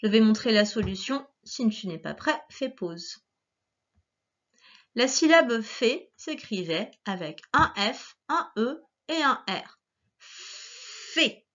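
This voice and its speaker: Spelling out letters one by one for a child, a woman teacher gives slow, patient syllable dictation and softly breathes the sounds. Her high voice swings widely in pitch, heard in lo-fi sound.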